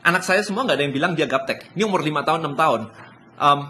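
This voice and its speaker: An excitable man talks in a live-stream motivational business session. His voice sits a bit high and comes out bright and forceful, and he laughs often as he talks. He drops English phrases into his casual speech. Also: racing, slight background noise. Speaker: business speaker.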